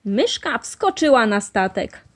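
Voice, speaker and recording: A woman reading a children's storybook aloud in a clear, measured way. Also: fairly high pitch, very animated. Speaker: storybook reader.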